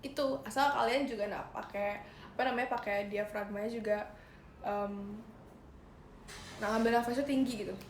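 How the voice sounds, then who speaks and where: A woman's voice: mid-range voice, steady tone, normal speed, pauses often. A young woman hosting a casual livestream, chatting playfully with viewers and giving singing tips. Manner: chatty, playful, addresses viewers as guys, sings short demo lines. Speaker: idol livestream host. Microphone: phone livestream. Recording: roomy echo, faint background noise.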